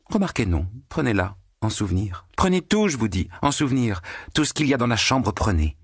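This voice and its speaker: A man voicing an exultant young woman newly turned witch, crying out loudly with a hoarse edge. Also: fairly low pitch, very animated, a little fast, no room sound, clean studio sound, pitched above the performer's own voice, exaggerated voice. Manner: loud and hoarse cries.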